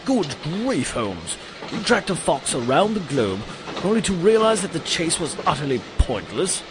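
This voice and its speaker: An actor playing a bumbling, easily flustered English gentleman doctor in an audio comedy drama, polite and hesitant. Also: a little high, very animated, normal speed. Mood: exasperated. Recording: train ambience and noise behind.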